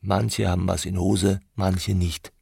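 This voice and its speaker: A man reading the part of a cool, world-weary young woman who speaks broken German, in a low, quiet, laconic tone. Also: flat delivery, takes it slowly, gravelly, breathy edge, no room sound, clean studio sound, exaggerated voice. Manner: laconic, unbothered.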